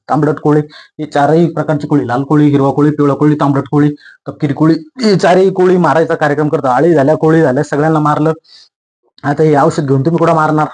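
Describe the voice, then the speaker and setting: A man's voice: fairly high pitch, a little mellow, low-quality recording. A young man, casually explaining crop pests to farmers in a folksy way, repeating points and mimicking the insects. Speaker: farming channel host.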